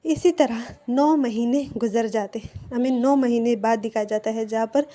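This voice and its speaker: A woman's voice: a little high, moderate pace, warm tone. A woman narrating a fan fiction story in a chatty, casual way, correcting herself as she goes.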